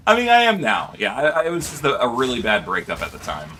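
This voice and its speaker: A man streaming a game and chatting casually with his viewers. He talks in an animated way into a desk mic, laughs often and breaks into high yelps. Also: fast, music in the background. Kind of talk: casual gaming livestream chat. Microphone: desk microphone.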